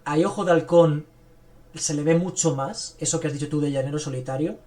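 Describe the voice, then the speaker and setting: Man, podcast host, enthusiastic, rambling, raised pitch. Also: brisk, warm tone. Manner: enthusiastic, rambling, frequent fillers. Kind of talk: casual film review chat.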